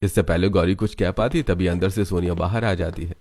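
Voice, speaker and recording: A man doing scripted narration of a cartoon story in an even storytelling manner. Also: low voice, fairly quick.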